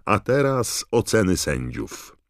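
A man voicing an excitable male sports commentator, shouting high and excited in an audiobook reading. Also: slow pace, no room sound, clean studio sound, full character voice. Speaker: match commentator.

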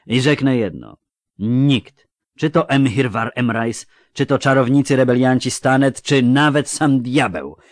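A male narrator voicing a solemn, knowing older male dwarf who speaks gravely and with emphasis. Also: mid-range voice, darkish tone, no echo, studio quality, pitched above the performer's own voice, natural voice.

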